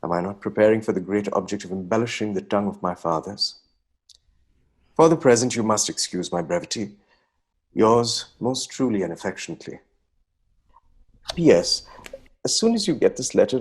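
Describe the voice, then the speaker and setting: A man with an Indian accent and a slightly husky, lowish voice plays a young nineteenth-century Bengali poet reading his letters in a stage play. His lively, moderately paced delivery pauses often as he theatrically self-dramatises in ornate, exclamatory phrases, sounding anxious yet earnest and proud.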